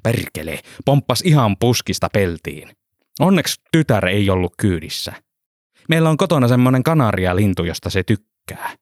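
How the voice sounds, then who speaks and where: A man voicing a loud, swearing middle-aged truck driver who rambles on chattily. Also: on the low side, sing-song, dry recording, clean studio sound. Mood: rough chatty. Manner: curses often, rambles chattily.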